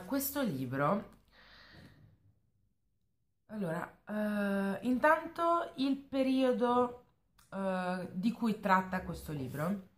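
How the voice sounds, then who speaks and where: Woman, young adult, casual vlog, sarcastic, exasperated, slow pace. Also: medium pitch, roomy sound. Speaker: book reviewer.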